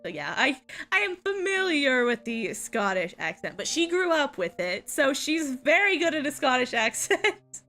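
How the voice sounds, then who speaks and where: Young woman streamer, high and very lively voice, bright, unhurried casual chat, constant giggles. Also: soft background music. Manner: giggly, laughs often between sentences. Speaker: VTuber streamer.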